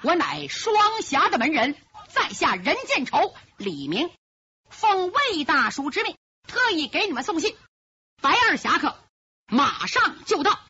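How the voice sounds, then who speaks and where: A woman's voice: sits high, sing-song, unhurried, full character voice. A woman storyteller voicing a sly young male hero who mocks his foes and fakes a stammer. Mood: glib. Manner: stammering, sharp-tongued. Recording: lo-fi muffled recording.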